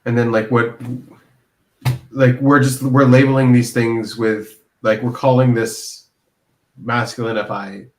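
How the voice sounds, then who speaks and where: Guy thinking out loud on a call, kinda echoey room, talks in quick bursts. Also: mid-range voice, level tone, slight background noise. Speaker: hangout participant. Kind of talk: casual group chat. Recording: roomy echo.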